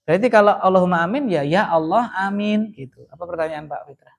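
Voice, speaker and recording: A man's voice: high-pitched, fast talker, gravelly. A man, teaching Arabic grammar in a casual classroom lesson and answering questions, often adding "ya kan?" to his points. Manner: chatty, often adds "ya kan?" and "kayak gitu".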